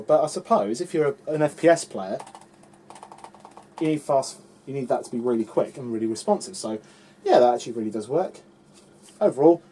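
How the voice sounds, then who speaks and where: A man's voice: mid-range voice, warm tone, a little hiss or hum. A man giving casual, chatty commentary to the camera as he unboxes a games console at home, talking to the items as he handles them. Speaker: unboxing vlogger.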